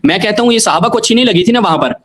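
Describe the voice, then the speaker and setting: A man pressing his point in a heated religious debate, his voice sitting high. He argues insistently and keeps reciting Arabic quotations to back himself up. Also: expressive, a bit bright. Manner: insistent, argumentative, quotes Arabic texts. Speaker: debate guest.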